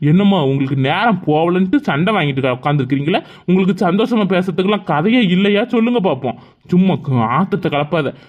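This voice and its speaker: A man voicing an exasperated traveller who grumbles and orders quarrelling women to be quiet in a cartoon. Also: sits high, lively intonation, fast talker. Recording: thin phone-like recording.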